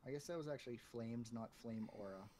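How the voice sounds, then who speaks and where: A man's voice: medium pitch, brisk, warm tone, a little hiss or hum. A man chatting casually on a board game stream, explaining rules in a matter-of-fact way. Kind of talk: casual chat while learning a board game.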